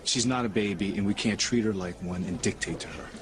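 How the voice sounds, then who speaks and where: A man's voice: on the low side, a little fast, noisy background, natural voice. An actor playing a firm, fair-minded middle-aged father, earnest and reproving, in a television soap opera. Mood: firm, reasoning.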